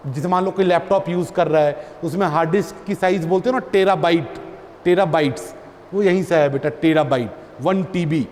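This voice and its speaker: High-voiced male physics teacher drilling students. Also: a little mellow. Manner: addresses students as "beta", repeats terms for drilling. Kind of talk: classroom lecture. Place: classroom. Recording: long reverb, faint background noise.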